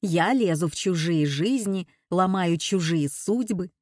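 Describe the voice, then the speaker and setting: A woman's voice: fairly low pitch, measured pace, darkish tone, dry recording, clean studio sound. Older woman, strong-willed sister, blunt and self-assured, read by a woman. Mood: sardonic.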